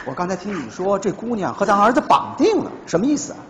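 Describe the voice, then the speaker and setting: A man's voice: high-pitched, very animated, background noise. An actor playing a doting, clueless middle-aged father in a stage comedy sketch, boastful and theatrical. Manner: boastful, theatrical, drawn-out slogans. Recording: reverberant stage hall.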